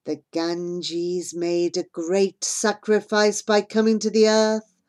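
A woman voicing an old female fortune-teller in a storybook, with a crackly, low, rumbling voice and slow, solemn delivery. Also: monotone, a little mellow, lightly acted. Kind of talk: audiobook character voice.

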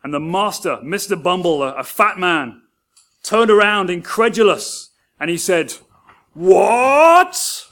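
High-voiced male preacher. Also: normal speed, pushed and bright. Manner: earnest storytelling preacher. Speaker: pastor. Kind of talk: sermon.

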